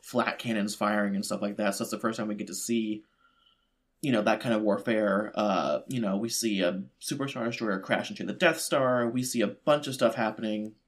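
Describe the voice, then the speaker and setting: A man's voice: on the low side, normal speed. A man co-hosting a podcast who rambles in casual chat, full of "like" and "you know". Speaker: podcast co-host.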